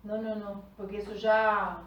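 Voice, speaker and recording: Recorded far from the mic in an echoey room, this woman speaks in a mid-range voice with a level tone and lo-fi sound. She is a native Portuguese speaker coaching a group in Spanish, going slowly and frequently asking "¿tá?" to check on her listeners.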